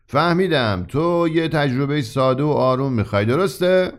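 A man's voice: medium pitch, lively intonation, voice pushed up, lightly acted. A man voicing a mysterious, grinning old shopkeeper who sells his wonders with eager, confiding persuasion in a read-aloud story. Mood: persuasive. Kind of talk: audiobook character reading.

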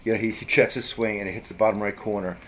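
A man's voice: lowish voice, flat delivery, fast, slight background noise. A middle-aged man telling a childhood story in a casual chat, rambling with lots of fillers and restarts. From US East Coast.

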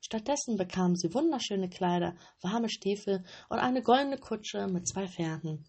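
A woman reading a fairy tale aloud in a calm, even storytelling manner. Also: medium pitch, a little slow, slightly rough.

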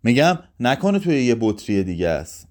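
A gruff, kindly young man in a storybook who talks bluntly and teases, as a male reader puts him on. The voice sits at middle pitch and moves through a wide, lively range. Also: natural voice. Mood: explaining.

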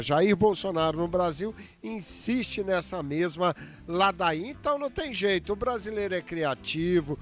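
A male radio host from Brazil, chatting casually and introducing clips to his listeners. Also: a little high.

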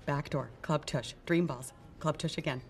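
A woman's voice: low voice, moderate pace, a little mellow. An actress playing a perky woman who teases her friends in a sitcom. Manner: perky, teasing. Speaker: sitcom character. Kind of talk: sitcom acting.

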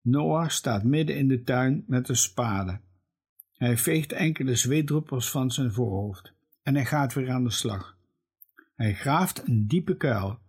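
Slow, breathy male storybook reader. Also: medium pitch. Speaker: narrator. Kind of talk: storybook reading.

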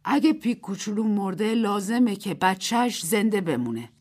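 A woman's voice: medium pitch, expressive, lightly acted. A woman voicing a stubborn, commanding village grandmother in her seventies who scolds sharply. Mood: resolute. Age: 70s. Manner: sharp, scolding, emphatic outbursts.

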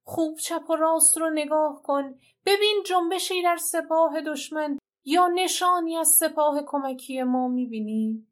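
Lady doing an old warrior chief, solemn, kinda pleading, higher voice. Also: hardly any pauses, natural voice. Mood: anxious.

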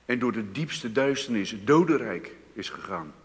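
A man preaching a sermon, moving from hushed, slow passages to loud, emphatic outbursts. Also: fairly low pitch, expressive. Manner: dramatic swings between hushed and loud emphasis. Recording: long reverb of a church hall.

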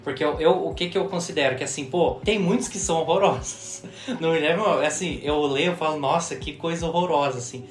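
A man's voice: a little high, brisk, slight background noise. Echoey man, hesitant and thoughtful. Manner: thoughtful, hesitant with many restarts. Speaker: interviewer and poet. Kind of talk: casual conversation.

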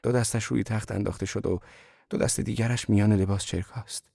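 A man's voice: lowish voice, fairly even intonation, gravelly, warm tone, dry recording, clean studio sound, voice pushed up. A man voicing a devout, anxious young woman, speaking in a pleading, emotional way in a storybook reading. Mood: tender.

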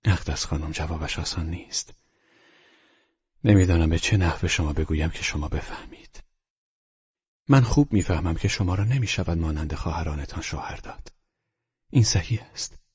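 A man voicing an aging male doctor, earnest and gentle, who speaks softly and often drops to a hushed whisper in this storybook reading. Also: low-pitched, pauses often, husky, dry recording, dull audio. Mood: tender, confiding.

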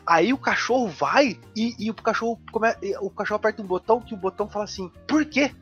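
A man hosting a podcast, telling animated stories in casual chat, swearing freely and acting out little voices. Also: high-pitched, fast, soft background music. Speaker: podcast host. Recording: dull lo-fi podcast audio.

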